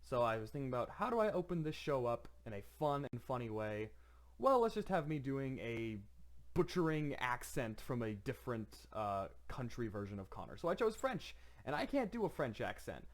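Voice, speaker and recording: A man's voice: mid-range voice, big pitch swings, moderate pace. A young man casually commenting on his own showcase, enthusiastic, laughing often and using many fillers.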